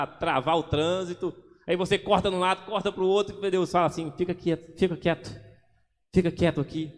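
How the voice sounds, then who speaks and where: Man, pastor, lively sermon, high voice, long reverb in a church hall. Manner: lively preaching, acting out little scenes.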